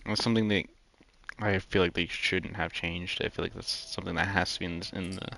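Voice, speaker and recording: A man's voice: low-pitched, steady tone, fairly quick, vocal fry, sharp tone, slight background noise. A young man giving casual commentary on a game playthrough, musing and often restarting his sentences. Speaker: gamer comparing game and show.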